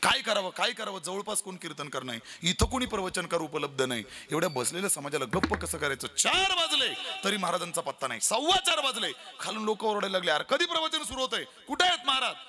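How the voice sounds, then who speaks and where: A young man giving a devotional sermon, telling a story with animated repetition. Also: high-pitched, quick pace, few pauses. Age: young adult. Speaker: kirtan preacher.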